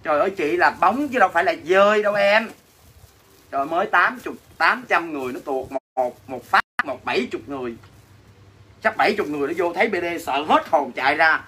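A man with a Southern Vietnamese accent sells on a livestream, reading and answering viewers' comments with dramatic, playful, mock-complaining banter. His voice is fairly high, animated and brisk with a sharp tone, and there's slight background noise in this casual selling chat.

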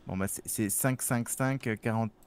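A man playing a polite, fussy news director who talks in halting, hesitant bursts in casual role-play. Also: fairly low pitch, clean tone.

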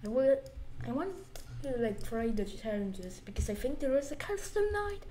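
A woman's voice: a little high, big pitch swings, moderate pace, mellow, slight background noise. A young woman giving let's play commentary, jumpy and muttering, shrieking at scares. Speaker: gamer.

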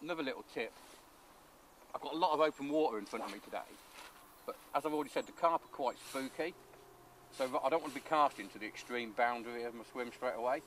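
A man in his thirties, an angling coach, explaining his rig and bait step by step in a relaxed, practical way, recorded outdoors by a lake. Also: medium pitch, quick pace, slight background noise. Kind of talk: instructional fishing talk. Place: outdoors at a lakeside fishery.

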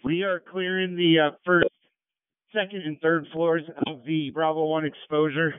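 A man's voice: fairly high pitch, flat delivery, unhurried, smooth, dry recording. A man, a firefighter, giving reports to command over a two-way radio. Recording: tinny narrowband two-way radio.

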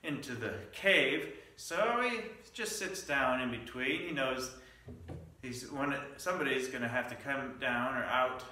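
A man's voice: mid-range voice, measured pace, bright, forceful tone. A male pastor preaching a midweek Lenten sermon, telling stories with asides and small restarts. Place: church sanctuary. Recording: echoey church sanctuary, mic at a distance.

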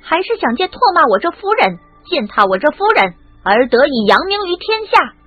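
Audiobook: woman doing a poised noble lady, husky, lively in pitch, phone-like sound. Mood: stern. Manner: measured, firm rebukes. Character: composed young noble lady, stern.

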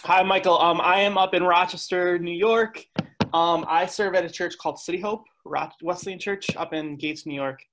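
A man's voice: high voice, fairly even intonation, moderate pace, background noise. A man introducing himself on a video call, stumbling over his words. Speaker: lay youth leader. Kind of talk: casual self-introduction.

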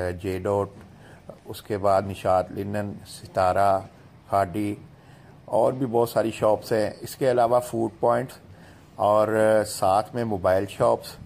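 A young man talking as a vlogger with a lapel mic, slow and halting with many fillers, showing viewers around a mall. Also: fairly low pitch, a little mellow, slight background noise. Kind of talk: casual walking vlog narration.

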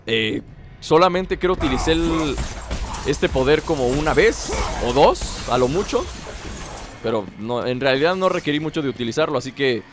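A man with a Mexican accent giving playful, chatty gameplay commentary and teasing the enemies on screen. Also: on the high side. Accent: Mexican Spanish.

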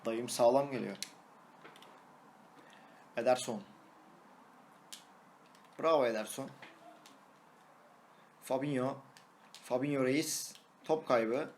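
A young man, a gaming YouTuber, giving excitable live commentary on his own match, shouting and singing at goals and teasing his opponent. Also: medium pitch, takes it slowly, long pauses, a little hiss or hum.

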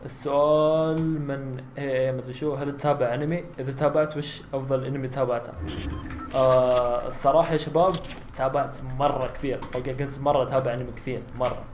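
Young Saudi streamer, 19, Saudi accent, rapid chatty delivery, roomy home setup. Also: male voice, medium pitch, fairly even intonation, a little hiss or hum. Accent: Saudi Arabic. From Saudi Arabia. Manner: chatty, bursts into loud exclamations during fights. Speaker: gaming YouTuber. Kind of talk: casual gameplay commentary with Q&A. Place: small room at home, seen on facecam.

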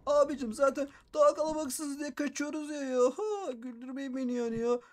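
A man narrating a game role-play as a gaming YouTuber, excitable and boastful, with frequent exclamations. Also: extremely high pitch, a little fast, a little hiss or hum. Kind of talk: Minecraft role-play commentary.

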